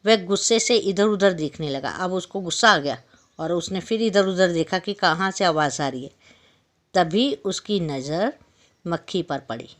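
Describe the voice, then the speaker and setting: A school teacher with a fairly low voice unhurriedly reads a story to young pupils in a storytelling lesson, then retells each line in her own words. She keeps pausing to explain words and ask the class questions.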